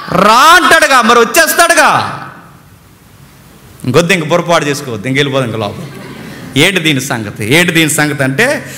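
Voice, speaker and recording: A man preaching a sermon in an animated way, asking his listeners questions and answering them himself. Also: extremely high pitch, in a large hall.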